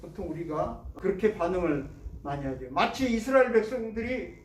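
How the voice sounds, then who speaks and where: A man's voice: high voice, sing-song, moderate pace, a little hiss or hum. A male pastor preaching a sermon, asking the congregation questions and acting out prayers and complaints. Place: church sanctuary. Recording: roomy church sound from a distant mic.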